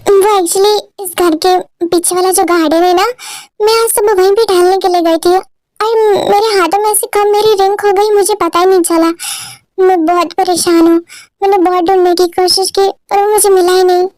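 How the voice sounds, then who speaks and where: A woman's voice: very high-pitched, fairly even intonation, normal speed, a little mellow, no echo. A woman voicing a pushy young childhood friend who talks in a pleading, wheedling way. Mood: sweet.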